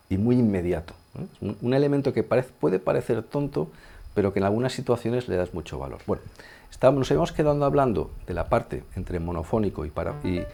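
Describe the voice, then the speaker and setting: A man with a Castilian Spanish accent and a creaky, dark, medium-pitched voice walks through gear step by step. He's a sound engineer demonstrating a synthesizer in a casual, conversational tutorial, often checking in with listeners, as synth sounds play in the background.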